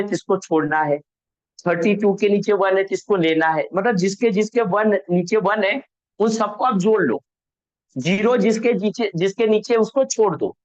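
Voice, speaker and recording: A high-pitched man teaches a networking class over a video call. He keeps asking his students questions, answers each one himself and stops to fix his own slips. The sound is dull and lo-fi. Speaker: networking instructor. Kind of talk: online class lecture.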